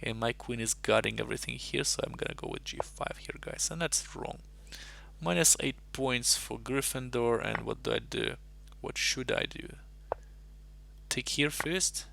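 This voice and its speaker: Very gravelly Russian-born man chatting. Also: mid-range voice, a bit bright, a little hiss or hum. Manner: thinks aloud while solving puzzles, chatty and rambling. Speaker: chess streamer. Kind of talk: casual live-stream chat.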